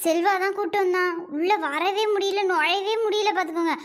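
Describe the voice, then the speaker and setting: Woman doing a chatty show-off mom, high voice, talks on and on. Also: steady tone, fairly quick. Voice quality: chatty, boastful. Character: chatty proud young mother at a festival. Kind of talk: village comedy sketch acting.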